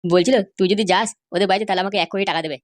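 A woman's voice: mid-range voice, steady tone, rapid-fire, no echo, pitched below the performer's own voice, lightly acted. A woman voicing a pompous older male politician in a cartoon, bossy and self-assured. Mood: confiding. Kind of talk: cartoon voice acting.

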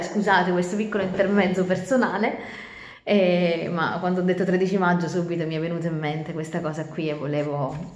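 A woman's voice: low-pitched, slight background noise. A woman teacher reading a children's story aloud, with chatty asides to the children. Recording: roomy echo.

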